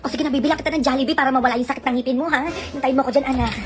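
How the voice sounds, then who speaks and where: A woman's voice: high-pitched, steady tone, very fast. A woman acting in a comedic family skit, bickering and whiny. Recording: music playing behind.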